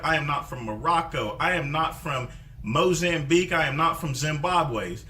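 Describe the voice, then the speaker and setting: Combative man with a sharp, bright voice. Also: a little high, rough recording. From North Carolina, USA. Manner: combative and scolding, tacks "there" onto many sentences. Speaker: online commentator. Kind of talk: angry direct-to-camera rant.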